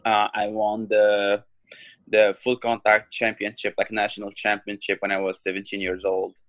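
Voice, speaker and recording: A young man from Morocco talks in a low, flat voice, pausing on ums and starting lines again. His voice sits close to the mic in a dry room. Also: no room sound, rough recording. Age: 20s. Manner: halting, many ums and restarts. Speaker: guest, professional fighter. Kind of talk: casual interview talk.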